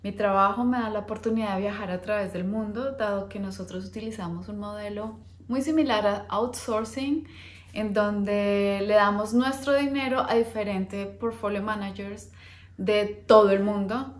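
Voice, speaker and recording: The echoey room frames a mid-range female voice moving at normal speed with fairly even intonation. She is a Colombian podcast host in her thirties, chatting loosely about herself, hesitating often and laughing a little.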